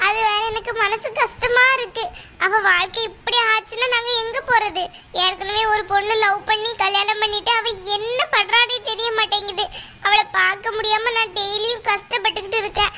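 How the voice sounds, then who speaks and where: A woman's voice: extremely high pitch, steady tone, moderate pace, bright, forceful tone, slight background noise, full character voice. A woman voicing a worried middle-aged mother of the bride in a cartoon, pleading and plaintive. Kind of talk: cartoon voice acting.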